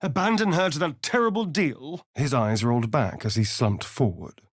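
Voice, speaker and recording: Playing a sardonic, sly vampire spawn rogue, a man delivers video game voice lines and narration with dramatic storytelling flair, drawling archly and theatrically with wide pitch swoops. His natural, expressive voice moves at a normal speed in clean studio sound with no room sound.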